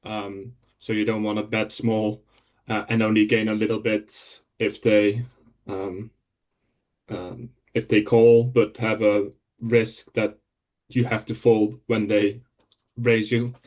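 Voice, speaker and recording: A man's voice: fairly low pitch, flat delivery, slow pace, a little mellow. A man on a video call explaining a poker rule hesitantly, stumbling over words with many ums. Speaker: study group member. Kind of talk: casual explanation.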